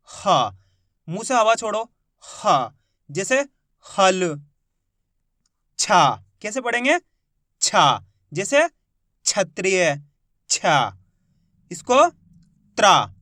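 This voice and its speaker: Brief: male alphabet teacher, higher-pitched, dry close sound, drills each letter and asks if it is clear. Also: a bit bright, no echo. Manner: slow, drawn-out sounding of each letter, prompting viewers to repeat; asks "clear?" and "which letter is it?" to quiz viewers. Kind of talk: Hindi alphabet lesson.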